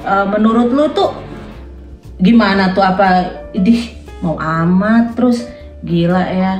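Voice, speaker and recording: A woman hosts a relaxed talk show and quizzes her guests with a teasing, playful edge. Her voice sits at an ordinary pitch for a woman. The room rings with echo, and faint music plays behind her. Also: a little slow. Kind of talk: casual chat. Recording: echoey room.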